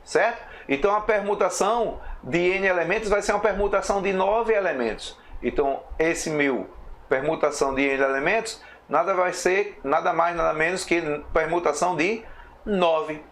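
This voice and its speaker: A man's voice: sits high, a bit bright. Man teaching math step by step. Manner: explains step by step, counting slowly, checks in with "ok?" and "tá?". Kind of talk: recorded math video lesson.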